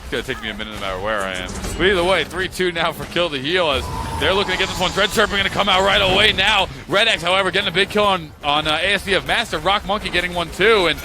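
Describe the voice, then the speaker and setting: A man from Long Island calls the action of an esports match, energetic and quick to joke. Music plays clearly underneath his voice. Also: sits high. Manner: energetic play-by-play, jokey. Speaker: esports caster. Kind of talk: esports play-by-play commentary.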